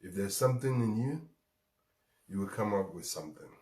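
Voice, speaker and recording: A man's voice: on the low side, animated, a little fast, a little mellow, echoey room. A man with a Ghanaian accent hosting a show, giving a motivational talk and repeating lines for emphasis. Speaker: show host.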